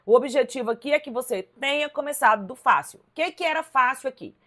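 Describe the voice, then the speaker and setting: A Brazilian woman with a fairly high voice teaches a live online class. She works through exam questions in a lively, emphatic way and keeps turning to her viewers to check that they follow. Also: brisk. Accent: Brazilian Portuguese. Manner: lively, emphatic, addresses viewers directly with "ó" and "tá vendo?". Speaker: Portuguese teacher.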